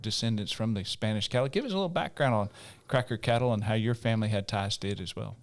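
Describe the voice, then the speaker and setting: A man's voice: lowish voice, fast. A man interviewing a guest in a conversational style. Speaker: interviewer, host.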